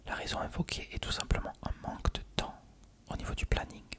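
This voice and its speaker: Everything this ASMR host says comes in a voiceless whisper. He reads from a text in a measured, explanatory way, much like reciting an encyclopedia entry for someone listening.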